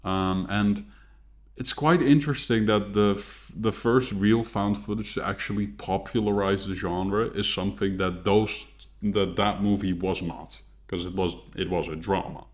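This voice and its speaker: A man's voice: lowish voice, fairly even intonation, a little slow. A man co-hosting a casual film discussion, explaining in a conversational, qualifying way. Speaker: podcast co-host.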